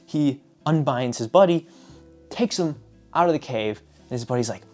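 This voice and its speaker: A man casually summarizing lessons from books, telling stories in an animated way with repeated filler phrases. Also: medium pitch, normal speed, faint music behind. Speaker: book reviewer. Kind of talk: casual book summary vlog.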